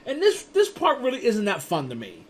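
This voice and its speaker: A man's voice: very high voice, wildly swooping pitch, moderate pace, a little hiss or hum. A man teaching an introductory networking course in a casual, chatty way, telling stories and often stumbling and restarting his sentences. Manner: rambling with frequent restarts and stumbles; chatty storytelling with acted-out quotes. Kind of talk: casual spoken lecture.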